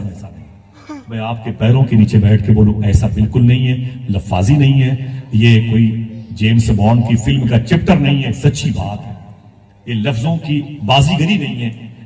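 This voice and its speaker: A man's voice: mid-range voice, moderate pace, mellow. A man preaching a dramatic sermon at a religious gathering, asking the audience rhetorical questions. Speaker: Islamic preacher. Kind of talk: sermon storytelling. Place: large hall at a religious gathering. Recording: echoey hall, voice far from mic.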